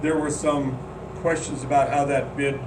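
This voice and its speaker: A club board member chairs a meeting in a golf club's meeting room, making an announcement in a halting way full of "uh" fillers. His mid-range voice stays level, and the roomy recording comes from a distant mic with background hum.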